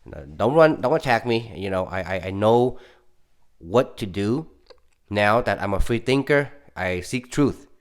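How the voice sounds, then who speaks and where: A man's voice: lowish voice, lively intonation, unhurried. A man from California talking casually and rambling through his opinions, stammering often and growing insistent. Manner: rambling, with frequent restarts and stammers; gets heated and insistent. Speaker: political commentary YouTuber.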